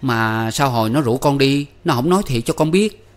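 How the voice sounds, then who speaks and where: A man voicing a young adult son who argues defensively with his mother, sheepish but quick to anger. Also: mid-range voice, expressive, pitched above the performer's own voice, close to an everyday voice. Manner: pleading, defensive.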